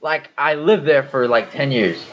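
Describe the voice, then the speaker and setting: A man's voice: medium pitch, unhurried. A man co-hosting a podcast, telling a rambling story full of swearing in casual chat. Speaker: podcast co-host. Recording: dull audio with faint hiss.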